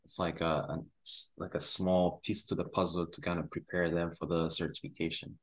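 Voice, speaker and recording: Low-voiced young man, hesitant. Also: flat delivery, normal speed. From Rwanda. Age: young adult. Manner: hesitant, many "uh" and "like" fillers. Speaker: guest, university student. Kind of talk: casual interview answers.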